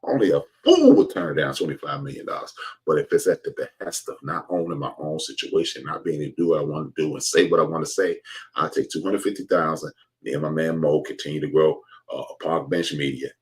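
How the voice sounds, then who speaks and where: With a bass voice that's a little mellow and slightly rough, an American host of an online commentary show talks fairly quickly to his viewers. His monologue is informal and emphatic, preaching his view and repeating phrases for emphasis.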